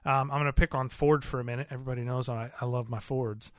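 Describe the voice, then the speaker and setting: Bright-voiced earnest shop owner man. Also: mid-range voice, steady tone, fast, dry recording, studio quality. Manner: earnest, plain-spoken, rambling with fillers. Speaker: auto repair shop owner. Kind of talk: casual interview talk.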